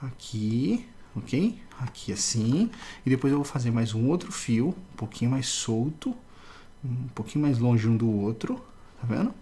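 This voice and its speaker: A man's voice: medium pitch, very animated, measured pace, mellow. A man teaching a casual drawing tutorial, explaining step by step and often checking in with the viewer.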